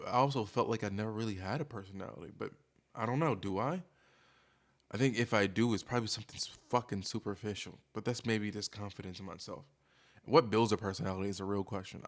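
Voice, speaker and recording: Male streamer, lower-pitched voice. Candid, casual confessional delivery that rambles and hesitates, putting himself down as he goes. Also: brisk. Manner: self-deprecating; rambling, hesitant, thinking aloud.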